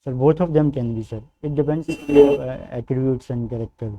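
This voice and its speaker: A young North Indian man, a native Hindi speaker, answers formal questions as a candidate in a mock civil service interview. He's hesitant, halting, and deferential, often saying "sir." His voice is medium-pitched, and the recording is very noisy.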